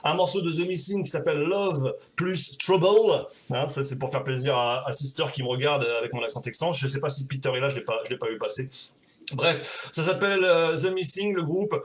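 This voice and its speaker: A man hosting a casual livestream from home on a webcam, out of breath and excitable, swearing and laughing between segments. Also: medium pitch, quick pace. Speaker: livestream host. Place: home room.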